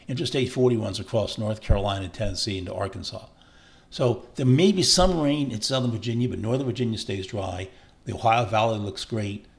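A man's voice: medium pitch, vocal fry. A man walking through weather maps in a chatty forecast, rambling and often correcting himself. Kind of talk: casual forecast walkthrough over maps.

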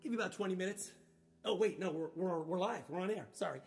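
A man's voice: high-pitched, fast, creaky. A man performing as a children's musician, leading a playful, upbeat live-streamed sing-along for kids. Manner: playful, upbeat, calls out to young listeners. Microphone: live-stream microphone. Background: loud acoustic guitar.

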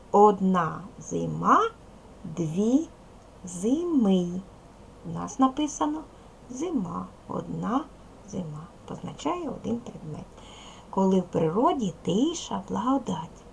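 A woman teacher with a Ukrainian accent gives a recorded lesson to small children, slow and patient. Her voice has a strong gravelly fry, and a faint hiss sits under the recording. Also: mid-range voice, big pitch swings, darkish tone, poor audio. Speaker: primary school teacher. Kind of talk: video lesson for young pupils.

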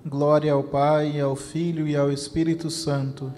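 A man with a Brazilian Portuguese accent reciting the rosary in a steady chant. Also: a little high, measured pace, crowd noise. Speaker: rosary prayer leader. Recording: long reverb with faint noise.

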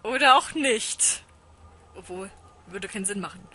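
A woman's voice: medium pitch, lively intonation, measured pace, sharp tone, husky. A woman commenting casually on a horror game she plays, reading its text aloud and chanting panicky repetitions when scared. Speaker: let's play gamer.

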